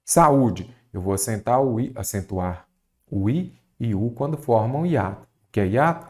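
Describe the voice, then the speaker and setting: A man's voice: medium pitch, animated, a little slow, a little mellow. A Brazilian man teaching a Portuguese grammar lesson for exam prep, asking questions and answering them himself.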